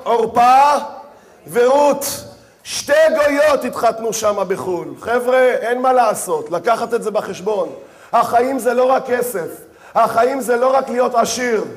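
This rabbi's voice is very high as he preaches, talking straight to the congregation and dramatizing the tale through voiced asides.

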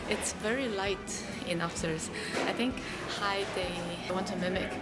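A woman's voice: mid-range voice, a little slow, over loud music. A young woman vlogging from a restaurant table, chatting casually as she tastes and describes each dish, with the camera held at arm's length. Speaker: food vlogger. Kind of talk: casual vlog narration. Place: restaurant dining room, indoors.

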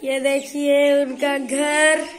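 A woman's voice: sits high, level tone, extremely slow, faint music behind. A young woman casually touring a village house, pointing things out for the camera. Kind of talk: casual vlog tour. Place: village house and yard outdoors.

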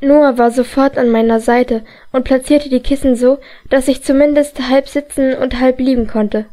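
A woman narrating a novel in the first person as an audiobook reader, calm and measured. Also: sits high.

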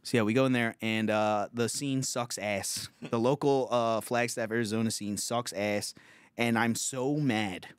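A young man hosting a podcast, telling a road story from stand-up comedy in a casual, profane, animated way. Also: mid-range voice, unhurried, clean tone, no room sound, studio quality. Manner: profane, animated storytelling with laughs and acted quotes.

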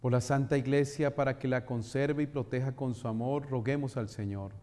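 A solemn priest preaches and recites prayers at the altar and lectern of a stone-walled church, speaking in short, measured phrases. His medium-pitched male voice is warm and fairly even, ringing with long, cathedral-like reverb.

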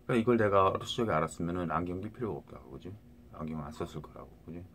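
A middle-aged man with a very deep voice rambles to his viewers, tripping over words and checking in with "right?" again and again. A faint hiss sits under his phone recording. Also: animated, racing, a bit bright. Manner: rambling, many restarts, keeps asking "right?". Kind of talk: rambling casual monologue to viewers.

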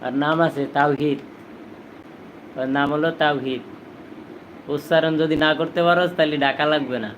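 A man's voice: a little high, fairly even intonation, normal speed, long pauses, a bit bright, muffled recording, a little hiss or hum. Coaxing father on a live stream. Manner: coaxing and pleading, repeats himself. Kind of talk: casual live-stream chat.

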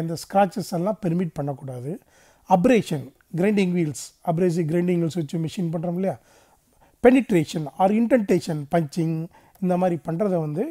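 Mellow South Indian Tamil-accented male lecturer. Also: high-pitched, dry recording, studio quality. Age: middle-aged. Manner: didactic, repeats key terms and phrases. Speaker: engineering lecturer. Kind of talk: instructional lecture, reading definitions and explaining them. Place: indoor lecture recording studio.

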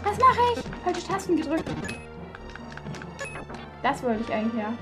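A woman commentating a video game playthrough, excitable and quick to curse and shriek when frustrated. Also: sits high, loud music behind the voice. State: out of breath. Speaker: let's play gamer.

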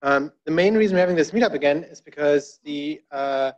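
A conference speaker with a fairly high voice talks a little fast from a podium, keeping his tech meetup presentation conversational with plenty of fillers and wry asides. The dark presentation room is captured in a dull, lo-fi recording.

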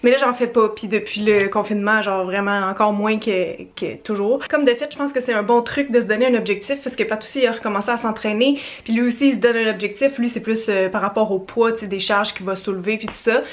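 A woman's voice: mid-range voice, fast talker, few pauses. A young woman with a Québécois French accent, chatting casually to the camera in her home studio, rambling and self-deprecating, often laughing at herself. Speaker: vlogger. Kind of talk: casual vlog chat to camera.

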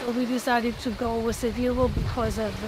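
A woman talking in a casual interview aboard a sailing yacht, halting and searching for words with many pauses. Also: a little high, level tone. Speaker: sailboat owner on a cruising rally. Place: outdoors on a sailing yacht at sea. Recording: outdoor wind and sea noise.

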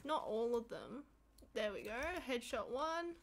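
A woman's voice: fairly high pitch, very animated, unhurried, a crowd in the background. A woman chatting casually while streaming a game, with a blunt, sweary way of talking. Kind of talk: casual live gameplay chat.

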